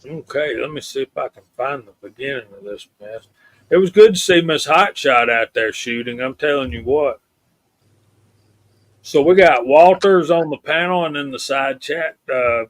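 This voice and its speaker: Man hosting a casual online stream, unhurried, dry mic. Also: fairly high pitch, no room sound. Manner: reads out viewer names in a steady list. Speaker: live stream host. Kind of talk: casual live stream chat.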